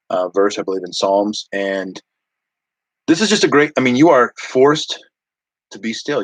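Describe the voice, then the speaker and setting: A man leading a youth group devotional, talking in a casual, halting way with many restarts. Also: on the low side, no echo, poor audio. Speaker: youth pastor. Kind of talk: informal devotional talk.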